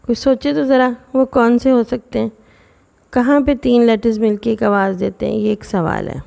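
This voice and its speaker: A woman teaching phonics to children in a patient, explaining way, sounding out words slowly. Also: fairly high pitch, steady tone, creaky, warm tone.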